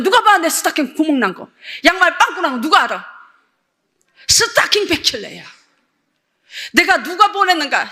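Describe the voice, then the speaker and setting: Animated older woman preaching testimony. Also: high-pitched. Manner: animated storytelling, acts out dialogue. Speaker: missionary. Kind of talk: sermon testimony.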